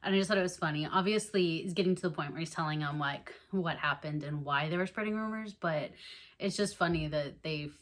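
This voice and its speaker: A woman's voice: sits low, brisk. A young woman hosting a casual book discussion vlog, chatty and amused, with lots of ums and likes. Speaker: book vlogger.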